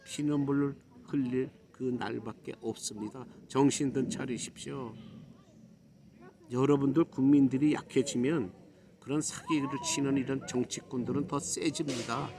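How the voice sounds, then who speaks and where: A middle-aged man from Korea giving a preachy, admonishing monologue to his viewers, with emphatic pauses. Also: mid-range voice, steady tone, a crowd in the background. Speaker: YouTube commentator.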